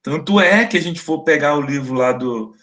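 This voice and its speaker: A man's voice: on the high side, lively intonation, normal speed, fairly bright tone. A man from Brazil giving an academic webinar lecture, explaining in a conversational way, often checking in with the listeners and sounding out speech examples aloud.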